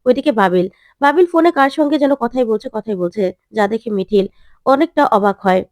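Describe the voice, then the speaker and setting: High-voiced woman recapping a serial. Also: animated, a little fast, a little mellow, dry recording, clean studio sound. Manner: plain reading with word repeats. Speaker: narrator. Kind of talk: episode recap storytelling.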